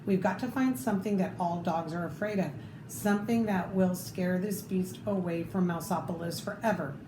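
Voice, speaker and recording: A woman's voice: on the low side, moderate pace, voice pushed down, natural voice. A woman playing an earnest female mouse professor in a storybook, lecturing solemnly. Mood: grave, earnest. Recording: roomy echo, clear background noise.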